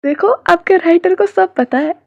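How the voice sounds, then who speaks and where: A woman's voice: very high voice, a little slow, creaky, no echo, phone-quality sound. A woman reading a fan-fiction romance aloud as a storyteller, chatty and speaking straight to her listeners. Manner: chatty, addresses listeners directly.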